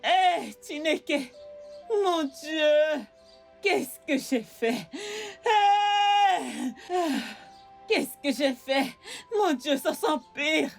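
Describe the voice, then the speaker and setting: A desperate blinded mother in a French-dubbed film drama. Her voice sits high and moves slowly, pleading and wailing. Faint music plays under it. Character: mother going blind, beaten by husband. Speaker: actor.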